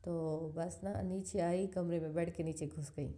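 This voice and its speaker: A woman in her thirties, a mother, casually narrating her family's home video in a soft, steady, conversational way. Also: fairly low pitch.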